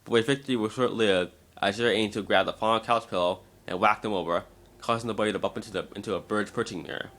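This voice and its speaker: Fast and fairly low-pitched, a man with a fairly bright tone narrates a scripted story in an amateur way, stumbling over his words from time to time.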